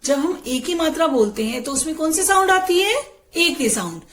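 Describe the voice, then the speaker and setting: A woman's voice: sits high, lively intonation, normal speed, fairly bright tone, reverberant. A woman teacher giving a patient phonics lesson to young children. She asks the class questions and says each word twice.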